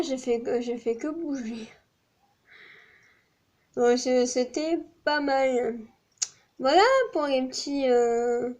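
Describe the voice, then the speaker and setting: Young woman, high voice, meandering vlog chat full of hesitations. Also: warm tone. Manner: rambling, many fillers and restarts. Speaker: vlogger. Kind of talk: casual chat to camera.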